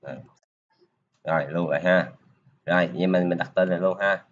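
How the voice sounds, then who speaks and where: In a chatty screen-recorded coding lesson, a male programming teacher explains each step while clicking along, peppering his speech with filler particles. His very low voice moves fairly quickly, and the muffled, lo-fi audio sounds like a basic computer microphone.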